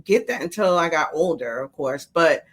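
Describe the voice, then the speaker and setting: A woman's voice: low voice, expressive, moderate pace, fairly bright tone, husky. A middle-aged woman speaking casually as an interview guest, explaining things colloquially through personal examples. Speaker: sleep coordinator, interview guest.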